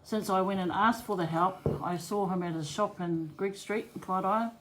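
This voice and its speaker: A woman's voice: mid-range voice, steady tone, normal speed, a bit bright, poor audio. A middle-aged woman with a Māori New Zealand English accent, giving a casual, plain-spoken personal account as an interviewee, with Māori words mixed in. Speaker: interviewee telling her family's story. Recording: clear background noise and ambience.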